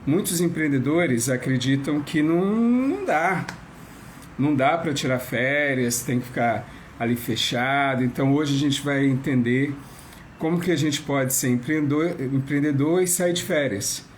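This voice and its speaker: Expressive and a little slow, this mid-range male voice belongs to a Brazilian man hosting a casual interview on a phone live stream. He's chatty, repeating himself and restarting often, and there's a bit of hiss or hum.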